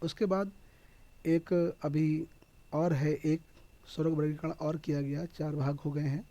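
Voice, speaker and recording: Male tutor with a Hindi accent, slightly high voice, warm tone, close dry sound, explains step by step for an exam-prep class. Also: level tone, a little slow. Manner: explains step by step, asks and answers his own questions. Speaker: teacher.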